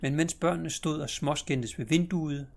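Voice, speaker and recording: A man narrating an audiobook story in a measured, dramatic storytelling manner. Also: on the high side, creaky.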